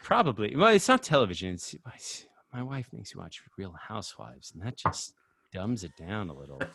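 A man's voice: on the low side, very animated, normal speed, creaky, fairly bright tone, slight background noise. A man co-hosting a podcast in casual chat, rambling with many fillers and restarts. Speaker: podcast co-host.

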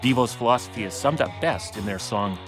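A man hosting a radio show, reading scripted narration in a measured, even way and interviewing a guest. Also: medium pitch, loud music behind the voice. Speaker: radio host.

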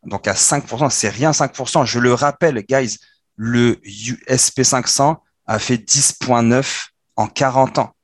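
A man in his thirties with a Québécois accent, casually explaining personal finance on a podcast with quick, animated restarts. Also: mid-range voice, slightly rough, dry recording. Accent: Québécois French.

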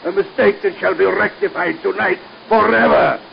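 An actor playing a megalomaniac mad scientist who gloats theatrically in a 1930s radio drama. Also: male voice, sits high, fairly even intonation, normal speed, gravelly, dull audio. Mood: gloating. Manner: gloating, theatrical, rising to shrieks. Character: megalomaniac mad scientist breeding giant spiders. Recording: scratchy 1930s radio recording.

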